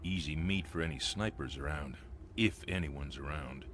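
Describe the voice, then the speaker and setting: A man playing a blunt, cocky veteran sergeant major who talks in folksy soldier slang, in an audio drama. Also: moderate pace. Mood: businesslike. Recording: loud rumbling vehicle noise behind.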